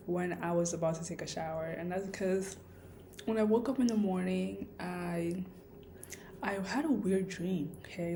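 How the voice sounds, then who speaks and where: A woman with a mellow, lowish voice vlogs a personal story, rambling casually and reflecting aloud while questioning herself. She lisps because she's wearing aligners like retainers, and there's slight background noise.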